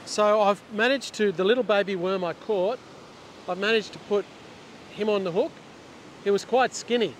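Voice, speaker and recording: This middle-aged fishing channel host has a high-sitting voice and talks at a moderate pace while he fishes on an outdoor ocean beach. It's a casual instructional vlog: he's chatty, explains as he goes, and restarts sentences, all picked up by a lapel mic. Crashing waves and wind make the recording noisy.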